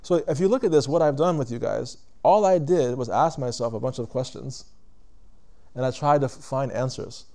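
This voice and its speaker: A man's voice: medium pitch, creaky, warm tone. A man giving a reflective religious lecture to a live audience, talking conversationally, putting questions to listeners and stopping to rephrase. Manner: deliberate, stops to rephrase.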